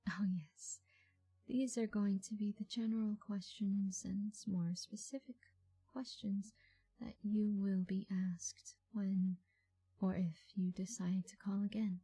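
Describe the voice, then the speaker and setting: Slow, breathy woman in ASMR role-play. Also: medium pitch, fairly even intonation, warm tone. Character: patient, reassuring dream call center agent. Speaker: call center agent in a role-play. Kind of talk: soft ASMR.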